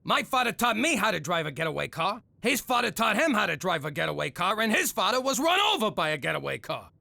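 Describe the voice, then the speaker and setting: An actor playing a brash, loud mobster father in a cartoon, with a gravelly voice. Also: high voice, very animated, fast, no room sound, full character voice. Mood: blustering. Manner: brash, shouting, streetwise. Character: loud blustering mobster dad, middle-aged man.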